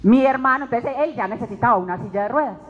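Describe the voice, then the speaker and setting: A woman's voice: on the high side, fast talker, soft background music. A woman giving an emotional testimony sermon to a faith group, telling her story dramatically and acting out her own words. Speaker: speaker at a weekly faith meeting. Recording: dull recording in a reverberant hall.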